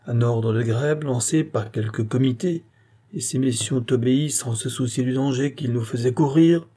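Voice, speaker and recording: A man reading a short story aloud, voicing a small, bitterly resigned gentleman traveler who sneers his words. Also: medium pitch, moderate pace, natural voice.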